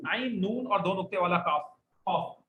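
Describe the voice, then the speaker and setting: A man's voice: sits high, moderate pace, phone-quality sound. A man from Pakistan teaching Arabic words to a classroom, saying each word and having the students repeat it back. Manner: call-and-response, repeats words for students to echo. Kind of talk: classroom vocabulary drill. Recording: echoey classroom with faint noise.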